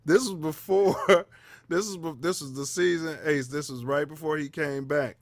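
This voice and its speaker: A man's voice: a little high, fairly even intonation, normal speed, dry recording. A middle-aged man co-hosting a casual sports talk show, telling loose, slangy stories and laughing easily. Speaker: co-host.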